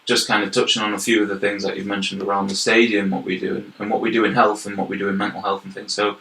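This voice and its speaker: A Yorkshire man from York, a health and wellbeing manager, speaks as a guest in a casual interview with a gravelly, low voice. He's fast, level and sharp-toned, earnest and explanatory, repeating words as he goes, in an echoey room.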